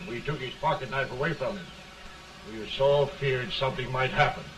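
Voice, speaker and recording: A man's voice: medium pitch, fairly even intonation, moderate pace, fairly bright tone, natural voice. Noisy early talkie, actor as worried frontier man. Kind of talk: early talkie film acting. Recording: noisy, distant 1930 film soundtrack.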